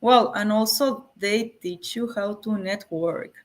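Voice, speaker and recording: A woman's voice: medium pitch, takes it slowly. Woman with a Mexican accent. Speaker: interview guest, coding school graduate. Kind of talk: casual interview answers.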